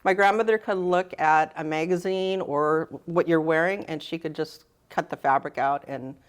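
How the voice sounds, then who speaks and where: A woman's voice: low voice, steady tone, moderate pace, smooth. A middle-aged woman guest, born in the Philippines and raised in Southern California, chatting casually in an interview, laughing easily and trailing off with "you know". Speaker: guest, fashion design instructor.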